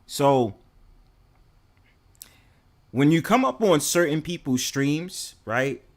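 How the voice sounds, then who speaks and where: Talking slowly to his stream, this young New Yorker has a slightly high voice with lively intonation and a New York accent. His style is casual, rambling, and blunt, loaded with fillers and profanity.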